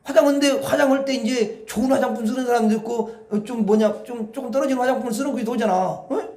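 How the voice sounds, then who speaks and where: High-voiced man preaching in echoey hall. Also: fast. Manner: animated, folksy, rambling, addresses congregation. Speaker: pastor. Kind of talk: sermon.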